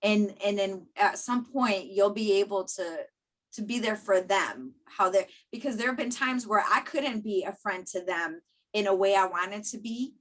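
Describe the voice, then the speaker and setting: A woman's voice: medium pitch, normal speed, a bit bright, rough recording. A woman in her thirties co-hosting a podcast, talking earnestly and repeating phrases for emphasis in a casual chat. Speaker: podcast co-host.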